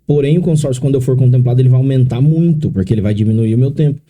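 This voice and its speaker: Racing along in a medium-pitched, dark-toned voice, this middle-aged São Paulo man speaks with the local Portuguese accent as a consórcio specialist on a podcast. He lays out each point step by step, frequently adding tag questions.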